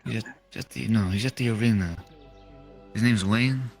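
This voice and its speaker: A man's voice: lowish voice, moderate pace, vocal fry. A man playing a crude, agitated onlooker in online role-play, stammering and swearing in casual chatter. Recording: music over the voice.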